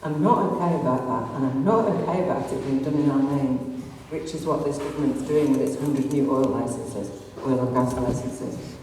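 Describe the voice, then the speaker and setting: Speaking at normal speed with hardly a pause, a middle-aged North West England activist uses a rumbling low, somewhat mellow voice and a Greater Manchester accent. Her public talk in an arts centre hall is impassioned, sprinkled with ums and rhetorical questions. Slight background noise runs through the distant, echoey recording.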